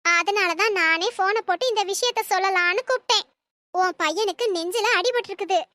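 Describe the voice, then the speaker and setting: A woman's voice: very high-pitched, a little fast, sharp tone, no room sound. A woman voicing a gloating, nosy woman who phones a mother in a storybook drama. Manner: mocking.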